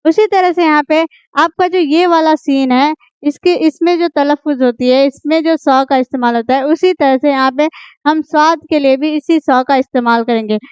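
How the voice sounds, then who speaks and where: High-voiced woman teaching Urdu letters. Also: moderate pace, darkish tone, no echo. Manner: patient, repeats checks like "ठीक है?". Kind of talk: explaining script lesson. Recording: dull, dry, lo-fi voice.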